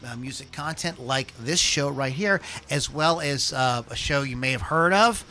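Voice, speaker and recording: Bright-voiced man hosting a casual podcast. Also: medium pitch, moderate pace, a little hiss or hum. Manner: informal, rambling, self-deprecating. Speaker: podcast host. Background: background music.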